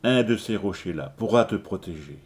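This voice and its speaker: A man voicing a wise old male poet who guides and reassures his companion in a calm, measured way. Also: sits low. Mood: reassuring.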